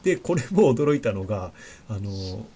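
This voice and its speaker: A man hosts a relaxed podcast conversation. His talk is chatty and casual, sprinkled with fillers as he goes. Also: fairly low pitch, normal speed, slight background noise. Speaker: podcast host. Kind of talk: casual chat.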